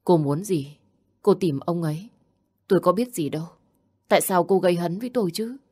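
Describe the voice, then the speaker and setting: A woman's voice: fairly low pitch, a little fast, darkish tone, husky. A woman voicing a pregnant young wife who pleads and defends herself in an audio story. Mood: pleading.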